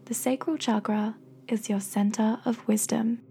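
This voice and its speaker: A woman with a soft, breathy voice gently and slowly guiding a meditation in soothing, encouraging scripted narration. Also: a little high, steady tone, faint music behind. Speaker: guided meditation host.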